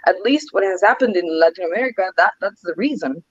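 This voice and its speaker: A woman's voice: mid-range voice, lively intonation, quick pace, no echo. Woman, lo-fi. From Ecuador. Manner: earnest, frequent restarts and "um" fillers. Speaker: interview guest, legislative advisor. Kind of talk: conversational interview answers.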